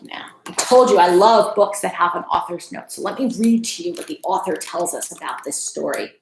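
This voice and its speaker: In a small room at home, a middle-aged woman with a lowish voice reads a kids' storybook at a normal pace, principal-style, adding teacherly asides and questions for her listeners. Her delivery is expressive. The recording is rough, with room echo and slight background noise.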